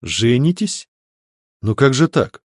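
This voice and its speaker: A man reading an audiobook, voicing an anxious devout priest who speaks slowly and in a hush. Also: mid-range voice, expressive, no room sound, clean studio sound, lightly acted. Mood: worried. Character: anxious devout male priest, soft-spoken.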